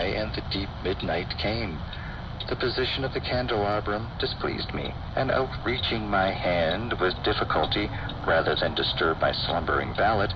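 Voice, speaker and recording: A man giving a solemn, deliberate, formal dramatic reading of a gothic short story. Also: on the low side. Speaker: story reader. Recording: noisy shortwave radio broadcast, heavy static. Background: loud radio noise.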